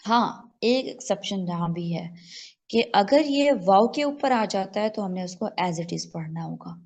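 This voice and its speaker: Woman, teacher, online class, patient, step-by-step explaining, slow drawn-out examples. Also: mid-range voice, lively intonation, darkish tone. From Pakistan. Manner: stretches example words slowly to demonstrate. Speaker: Quran recitation teacher. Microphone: online call.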